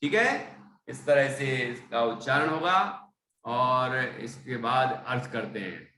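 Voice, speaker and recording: A man teaching scripture, chanting verses slowly and then explaining pronunciation and meaning, often checking in with listeners. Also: medium pitch, sharp tone. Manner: frequent "theek hai" checks with listeners. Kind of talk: recitation and line-by-line teaching. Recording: echoey room, voice from a distance, faint background noise.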